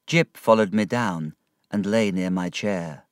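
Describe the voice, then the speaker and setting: A man narrating a storybook in a slow, expressive reading. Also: low-pitched, dry recording, studio quality. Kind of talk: audiobook narration of a simplified classic.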